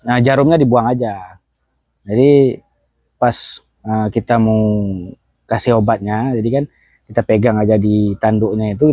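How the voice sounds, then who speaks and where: A man, a goat farmer, talking in a relaxed and chatty way outdoors at his goat pen, tagging his sentences with little asides. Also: mid-range voice, dry recording. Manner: relaxed and chatty, keeps tagging phrases with "Lur" and "ya kan". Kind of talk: casual vlog chat.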